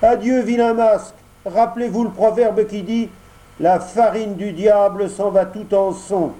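Pinocchio, a high earnest puppet boy, read by a man. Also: fairly even intonation, unhurried, warm tone, rough recording. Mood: scornful. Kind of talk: audiobook character voice.

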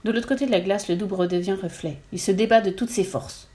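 A woman reading a children's story aloud in a lively storytelling voice. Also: quick pace. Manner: lively, voices the characters' lines with raised pitch.

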